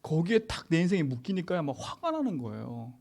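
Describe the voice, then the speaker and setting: Animated Korean pastor preaching. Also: male voice, fairly high pitch, fairly quick, vocal fry. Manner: animated and conversational, with rhetorical questions. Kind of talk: sermon.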